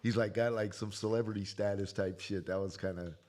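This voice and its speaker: A man's voice: on the low side, fairly even intonation, a little fast, darkish tone, a little hiss or hum. A man co-hosting a casual podcast chat, easygoing and swearing casually.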